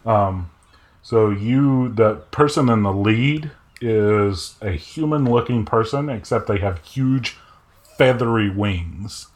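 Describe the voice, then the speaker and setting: A man narrating as game master of a tabletop role-playing game, describing scenes in a measured way. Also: lowish voice.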